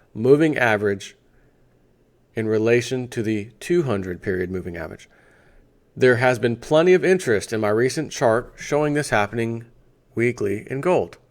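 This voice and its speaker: A man with a medium-pitched, somewhat dark voice hosts a financial news video. He reads an article aloud conversationally, breaking off for off-the-cuff asides and rhetorical questions.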